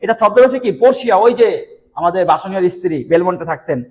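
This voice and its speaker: A man with a Bangladeshi accent teaching an English lesson, reading each line slowly and then explaining it at length with questions to his students. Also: high-pitched, lively intonation, low-quality recording.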